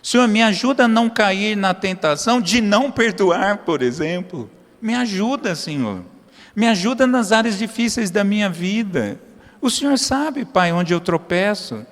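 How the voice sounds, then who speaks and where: Man, pastor, sermon, high voice, long church-hall reverb, dramatic swings between loud emphasis and quiet asides. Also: animated, normal speed. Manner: acts out short prayers and dialogues in a familiar tone.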